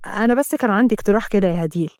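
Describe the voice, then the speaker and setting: A man's voice: high-pitched, racing, darkish tone, no room sound, clean studio sound, voice pushed down, close to an everyday voice. A woman voicing a cold, commanding male boss with an Egyptian Arabic accent, giving stern, clipped orders. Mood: smooth.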